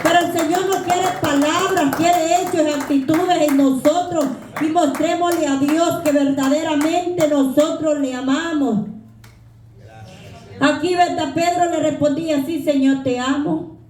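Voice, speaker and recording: A woman's voice: sits high, steady tone, a little slow, a little mellow. A middle-aged woman preaching a humble, earnest, conversational sermon in a church. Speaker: lay preacher. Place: church sanctuary. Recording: echoey church room.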